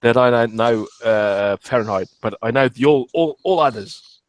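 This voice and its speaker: A man from Portugal hosting a casual online stream chat, halting and full of fillers and restarts. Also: medium pitch, no room sound. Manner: hesitant, many fillers and restarts. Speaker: stream host.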